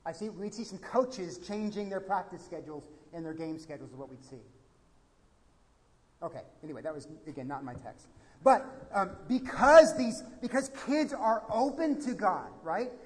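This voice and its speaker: An American pastor in his thirties preaches from the pulpit of a church sanctuary, swinging between quiet, reflective passages and emphatic appeals while gesturing animatedly. His voice is high and his speed normal. The pulpit microphone picks him up in a reverberant church hall.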